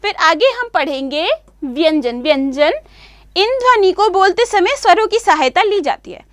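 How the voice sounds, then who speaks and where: Woman teaching kids grammar, real slow, says each sound one by one, dry sound. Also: very high-pitched, lively intonation, dry recording. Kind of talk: children's grammar lesson.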